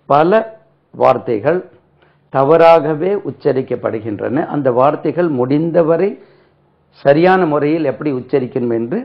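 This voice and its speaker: Tamil-accented male English tutor, raised pitch, gravelly voice, dull lo-fi recording, drills spelling slowly. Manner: spells words letter by letter and repeats them slowly. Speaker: spoken English teacher. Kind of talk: classroom lesson explaining pronunciation.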